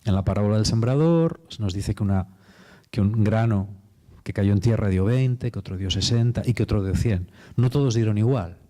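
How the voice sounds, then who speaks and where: Male preacher, Spain Spanish accent, lowish dark voice, chatty informal sermon delivery. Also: moderate pace. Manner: informal, chatty storytelling with slang. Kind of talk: conversational sermon.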